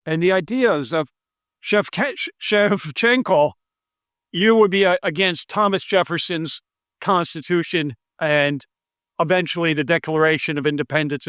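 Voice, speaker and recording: This American economist's video lesson on monetary matters is an earnest, persuasive talk to camera, filmed indoors against brick and stone walls. His voice is kinda high with a fairly bright tone, the recording dry and close. He stays emphatic, pushing and repeating his key claims while stumbling over foreign names.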